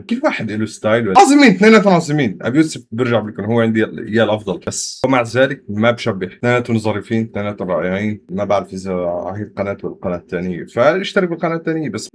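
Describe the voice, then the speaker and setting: A man hosting a music reaction, talking in an excited, chatty, slang-heavy way. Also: on the low side. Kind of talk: casual reaction commentary.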